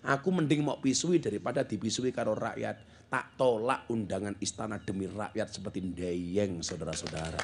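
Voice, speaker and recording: A man's voice: lowish voice, normal speed, a little hiss or hum. A man preaching a humorous sermon, mixing in jokes and acting out the people in his stories. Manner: joking, mixes Javanese with Indonesian, acts out the people in his stories. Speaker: Islamic preacher. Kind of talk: humorous sermon at a religious gathering.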